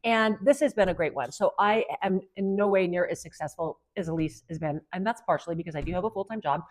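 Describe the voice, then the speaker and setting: A fairly low-pitched woman in her fifties talks at a quick pace as a podcast guest. An Amazon influencer, she rambles through her stories in casual chat, leaning heavily on filler words.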